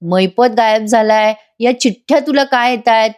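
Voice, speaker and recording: A calm, scheming older man with a firm, soothing delivery, read by a woman narrator in her own higher voice. He steadies a frightened listener without raising his tone much. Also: normal speed, clean tone, lightly acted.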